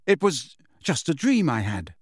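A man's voice: on the high side, huge pitch swings, unhurried, slightly rough, no echo, studio quality, heavily acted. A man voicing a defiant, resentful teenage boy wizard who answers in stiff, guarded replies. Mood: guarded sullen.

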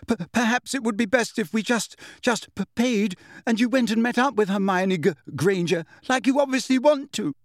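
Man putting on a shrill, weepy teenage girl. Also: animated, moderate pace, few pauses, darkish tone, dry recording, clean studio sound. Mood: tearful. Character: tearful teenage girl, jealous and hurt.

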